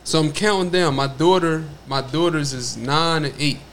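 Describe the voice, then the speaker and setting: A man's voice: on the high side, moderate pace, a bit bright, slight background noise. A man in his late twenties talking bluntly and profanely in a casual chat. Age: 20s.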